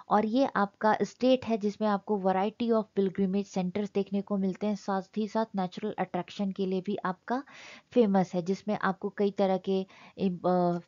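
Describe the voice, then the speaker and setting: A woman's voice: medium pitch, warm tone, highs cut off. A woman teaching an exam-prep geography lecture, explaining step by step, slipping English terms in and using fillers as she goes.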